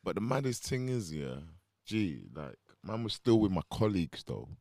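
A man's voice: on the low side, very animated, normal speed, darkish tone, dry recording, clean studio sound. A man with a British urban roadman accent, telling things casually in street slang with repeated tags. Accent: British urban street (roadman) English.

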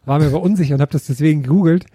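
A man's voice: fairly high pitch, rapid-fire, dark tone, breathy edge, no room sound, clean studio sound. A man co-hosting a podcast, chatting casually and telling amused stories. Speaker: podcast co-host. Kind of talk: casual comedic banter.

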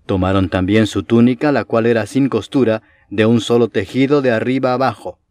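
A man reading scripture aloud in a measured, solemn way, slowing on key phrases. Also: mid-range voice, a little mellow, no echo, studio quality. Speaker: Bible reader.

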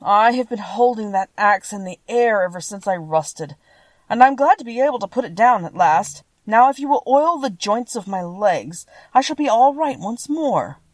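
Woman voicing a slow, mournful Tin Woodman. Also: medium pitch, animated, no room sound, close to an everyday voice. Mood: relieved, grateful. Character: polite, mournful tin man, stiff with rust.

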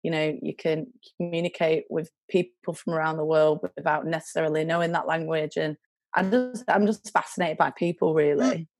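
A woman's voice: sits low, normal speed. A young woman with a British accent, chatting casually as a podcast guest about her own experiences. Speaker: charity worker, podcast guest. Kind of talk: casual chat.

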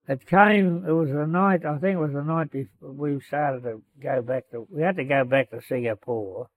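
Elderly Australian veteran remembering, dry close sound. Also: male voice, on the high side, dry recording, narrow, tinny audio. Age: 80s or older. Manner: old veteran remembering, storytelling; colloquial, acting out quoted dialogue. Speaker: war veteran interviewee. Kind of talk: oral history interview, reminiscing.

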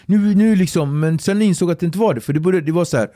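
A man on a podcast spins a long anecdote in loose, animated chat, swearing freely and acting out the lines of everyone involved. His voice sits a little high for a man. The sound is close and dry, with no room around it. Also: no echo. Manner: animated, swearing, acts out quotes, laughs through the story. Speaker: podcast guest. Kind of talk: casual storytelling.

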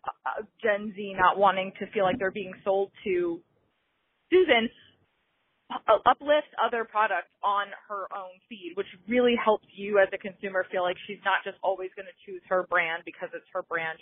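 A woman leaving an enthusiastic, chatty voicemail over a phone line, full of "like" and "you know". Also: medium pitch. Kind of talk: casual gushing voicemail. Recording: tinny, dry phone line.

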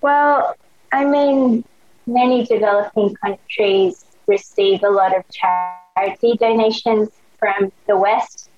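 Soft music plays behind this young Australian woman as she talks slowly in a medium-pitched voice with fairly even intonation. Appearing as a podcast guest, she chats with enthusiasm in slangy, casual speech packed with "like." The audio is dull and lo-fi.

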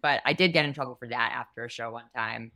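A woman's voice: extremely low pitch, fast talker, sharp tone, no echo, clean studio sound. A young woman from New York, a comedian talking casually in an interview, giggling and full of fillers. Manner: chatty, giggly, lots of fillers and self-interruptions. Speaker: guest, comedian and performer.

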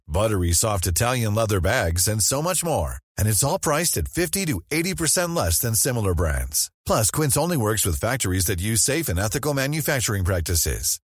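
A man's voice: medium pitch, breathy edge, no room sound, studio quality. A man reading a scripted advertisement as an announcer.

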